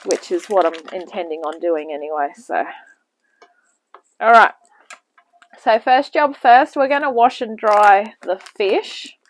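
A woman's voice: mid-range voice, slow pace, pauses often, rough recording. A woman hosting a home cooking demonstration, talking casually with rambling asides as she works, heard from a camera in a home kitchen. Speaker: cooking show host. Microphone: camera mic, off-screen speaker at the bench.

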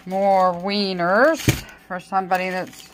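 A middle-aged home vlogger speaks in a level, mid-range voice at a slow pace, casually listing her grocery haul in short phrases at a table indoors. A handheld phone captures it, along with a little hiss or hum.

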